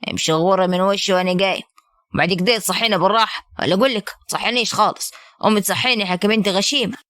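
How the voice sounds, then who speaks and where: A woman with an Upper Egyptian accent voicing a domineering young husband who talks in a gruff, insulting, bossy way. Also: medium pitch, racing, fairly bright tone, no room sound, clean studio sound, lightly acted. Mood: contemptuous. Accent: Upper Egyptian Arabic.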